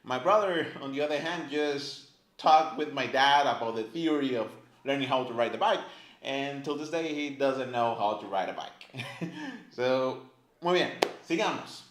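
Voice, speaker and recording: A man with a mid-range voice and normal speed teaches a language to camera in a casual, explanatory way. Animated and chatty, he peppers everything with "right?" and "like", while a camera operator films him in an echoey indoor room.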